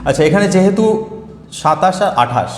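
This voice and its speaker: Lively-voiced male teacher in echoey room. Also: high voice. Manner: mixes English terms into his explanations; reads poem lines slowly and deliberately. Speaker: English literature teacher. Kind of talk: lecture explaining a poem. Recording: echoey room with long reverb.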